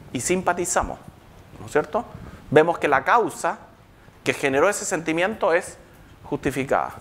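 A man's voice: on the high side, fairly bright tone, slight background noise. A man giving a live public lecture, checking in with the audience through constant rhetorical questions.

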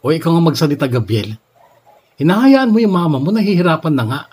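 A man voicing a furious young pregnant woman who scolds and shouts at the man who wronged her, with soft music behind. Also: a little high, big pitch swings, quick pace, husky, pitched above the performer's own voice. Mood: angry.

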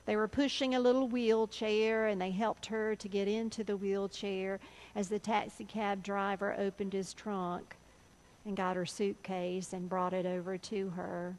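A woman pastor with a Southern US accent, telling a story in a sermon with an earnest, measured delivery. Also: mid-range voice, flat delivery, darkish tone, low-quality recording.

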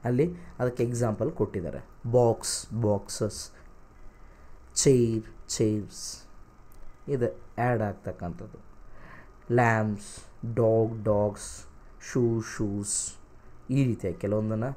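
A man's voice: on the low side, fairly even intonation, measured pace, dark tone. A man with a Kannada accent teaching an exam-prep English class, reading out singular and plural word pairs and checking that his students follow.

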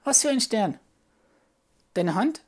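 A woman's voice: takes it slowly, exaggerated voice. A woman voicing a curious, chatty young worm puppet who keeps asking naive questions in a children's puppet show. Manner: asks endless naive questions, squeaky and excitable.

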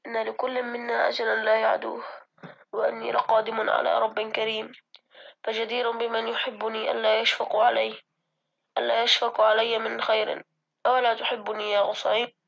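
Woman as old dying caliph, gentle and forgiving, bright tone, lo-fi school recording. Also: on the high side, monotone, normal speed, vocal fry. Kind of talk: classroom drama reading.

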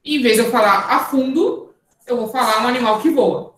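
A woman's voice: fairly high pitch, moderate pace, a bit bright. Brazilian woman coaching fencing, echoey room. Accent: Brazilian Portuguese. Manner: clear, patient explaining, then calling out drill commands. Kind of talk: online fencing class. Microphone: camera mic, moving away at times.

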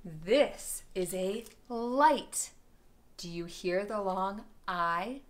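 A woman teacher giving a children's phonics lesson, sounding out each word slowly and clearly for young learners. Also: mid-range voice, lively intonation.

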